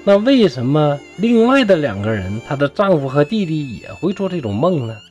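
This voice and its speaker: A man's voice: a little high, very animated, normal speed, a little mellow, soft background music. A man from Shenyang with a Northeastern Mandarin accent, telling a classic tale in a chatty, folksy manner with colloquial asides. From Shenyang, Liaoning, China. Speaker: storyteller host. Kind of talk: humorous storytelling podcast.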